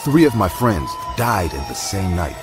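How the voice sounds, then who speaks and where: Brief: male horror narrator, measured and dramatic, animated delivery with music under it. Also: sits low. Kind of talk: scripted horror story narration. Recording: narration over loud music.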